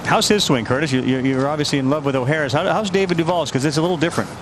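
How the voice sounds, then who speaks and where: A man's voice: a little high, rapid-fire. A man giving conversational live commentary as a golf commentator. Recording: outdoor background noise. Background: outdoor noise.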